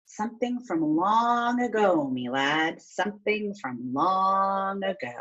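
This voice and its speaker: A gentle old man from a storybook, voiced by a woman, reminisces fondly to a child. The delivery is slow and lilting, on a slightly dull recording. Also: medium pitch, animated. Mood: wistful.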